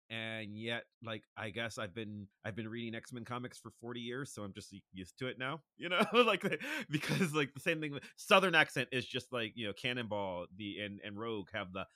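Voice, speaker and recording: A man's voice: mid-range voice, pushed and bright, no room sound. A middle-aged man co-hosting a podcast, rambling through explanations with bursts of laughter. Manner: enthusiastic, rambling explainer who laughs between points. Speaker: podcast co-host. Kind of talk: casual podcast chat.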